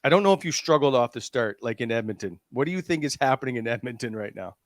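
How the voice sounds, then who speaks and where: A man's voice: medium pitch, animated, fast talker, no room sound. A man asking questions as host of a casual sports interview.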